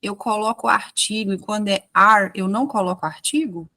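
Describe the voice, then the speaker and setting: A woman student asks questions in an English class. She hesitates and restarts her sentences while working out what she wants to ask. Her voice is mid-pitched and sounds close and dry. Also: fairly even intonation, a little fast, pushed and bright, no room sound.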